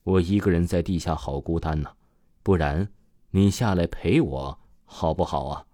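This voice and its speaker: A man voicing a vengeful skinless male ghost who taunts in a slow, low, menacing way. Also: mellow, no room sound, studio quality, lightly acted.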